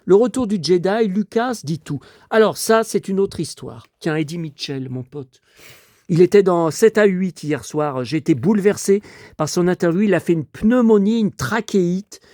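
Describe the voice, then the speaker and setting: A man in his fifties with a slightly high voice, hoarse from a lingering cold. He chats in a rambling, nostalgic way, full of little asides, as he shows off his collection at home. The sound is dry and close, with no room echo. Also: animated, normal speed, darkish tone. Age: 50s. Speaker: collector showing his memorabilia. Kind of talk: casual collection show-and-tell.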